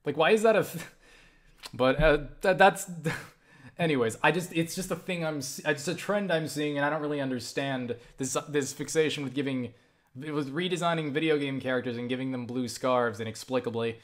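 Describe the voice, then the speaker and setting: A young man with a slightly high voice talks at a moderate pace while answering viewer questions in a casual vlog. He rambles, swears, and stays animated, often restarting his sentences.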